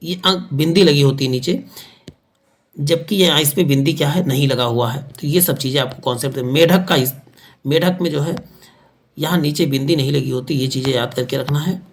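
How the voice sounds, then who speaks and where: A man teaching an online exam-prep lesson with an energetic, emphatic delivery, often repeating words for emphasis. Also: fairly high pitch, moderate pace, slight background noise. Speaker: Hindi grammar teacher.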